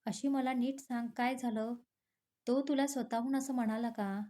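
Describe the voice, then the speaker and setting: A woman's voice: fairly high pitch, steady tone, moderate pace, dark tone, close to an everyday voice. A woman voicing a caring young woman friend who teases and soothes, in a storybook romance. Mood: soothing. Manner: soothing and teasing.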